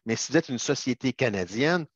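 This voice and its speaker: A man's voice: medium pitch, lively intonation, fairly quick, husky, no echo. A man from Quebec with a Québécois French accent, explaining business matters in a chatty webinar, peppering his talk with tag words and direct asides to the audience. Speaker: webinar presenter, business lawyer. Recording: dull lo-fi webinar audio.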